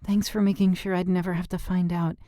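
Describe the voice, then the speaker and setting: An audiobook narrator voicing a lively, blunt teenage girl who exclaims and teases. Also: mid-range voice, a little fast, no room sound, studio quality, voice pushed up, lightly acted. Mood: earnest. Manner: bubbly, exclaiming.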